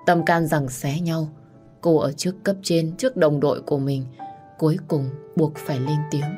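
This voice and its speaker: Low-voiced woman narrating a romance story. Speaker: audiobook narrator. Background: soft background music.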